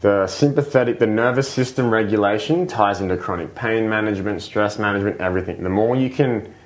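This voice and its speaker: A man with a fairly low voice talks as a guest on a podcast. He explains breathing and the body in a casual, patient way. He leans on fillers like "like" and keeps checking in with "right?". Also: a little fast. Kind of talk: casual explanatory interview talk.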